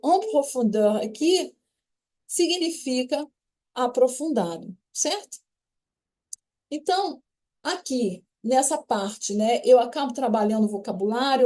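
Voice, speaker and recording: A woman's voice: a little high, mellow. A woman with a Brazilian Portuguese accent teaching a French lesson online. She explains step by step and keeps checking in with her students.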